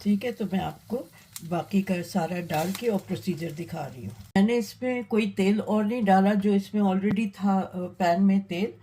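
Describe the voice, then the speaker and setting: A woman hosting a cooking demonstration, talking unhurriedly while she cooks, with many pauses and fillers. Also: mid-range voice, mellow, slight background noise, poor audio. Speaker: cooking channel host.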